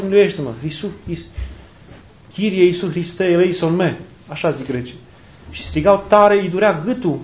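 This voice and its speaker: Heard on a dull, roomy lo-fi recording, a male Orthodox priest delivers a heartfelt sermon, driving home his points by repeating key phrases. He speaks in a high voice with a darkish tone.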